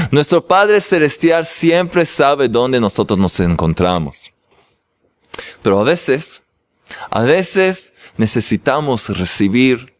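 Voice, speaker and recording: A man's voice: medium pitch, dry recording. A man, a rabbi, teaching a religious class, joking with his audience and then explaining the text.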